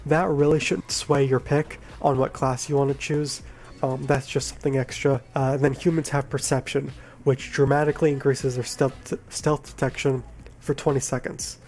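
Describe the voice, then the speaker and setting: A man talks with a groggy voice because he is sick. He explains a game in a laid-back, rambling way and often corrects himself mid-sentence. His pitch is middling, neither high nor low. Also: flat delivery, normal speed, darkish tone, soft background music. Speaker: gaming video creator. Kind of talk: casual game guide talk.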